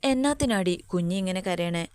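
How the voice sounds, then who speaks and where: Storybook young man, soft and coaxing, read by a woman, low smooth voice. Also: expressive, moderate pace, natural voice.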